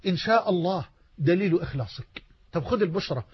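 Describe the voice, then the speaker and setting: Husky high-voiced Egyptian preacher. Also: male voice, lively intonation, fast talker, dry recording, dull audio. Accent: Egyptian Arabic. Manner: fervent, swings between soft pleading and loud emphasis. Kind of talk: sermon.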